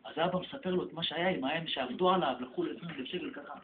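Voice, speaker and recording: A man's voice: on the high side, slight background noise. A man, a rabbi, telling a story in a sermon with emotive, emphatic delivery, recorded in a hall. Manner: emotive storytelling, rising to loud emphatic peaks. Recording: echoey, tinny lo-fi recording.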